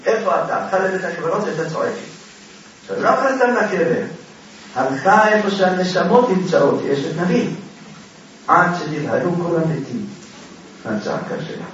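Male Torah teacher, animated storyteller with rhetorical questions; high voice, muffled, faint hiss behind. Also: long pauses. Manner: animated, fires rhetorical questions and answers them. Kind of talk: religious lesson with dramatic storytelling. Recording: very echoey, distant, dull hall recording.

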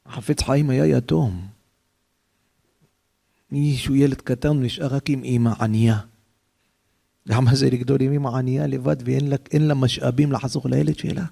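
A man's voice: mid-range voice, steady tone, creaky, pauses often, mellow. A man preaching a sermon, telling a story with dramatic emotion, his voice rising as the feeling grows.

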